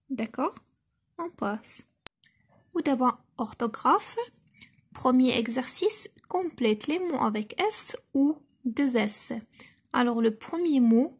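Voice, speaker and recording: A female primary school teacher with a Moroccan accent, walking a class through exercises, dictating slowly and explaining in quick asides. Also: high voice, slightly rough. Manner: slow, deliberate dictation of French mixed with quick Darija asides.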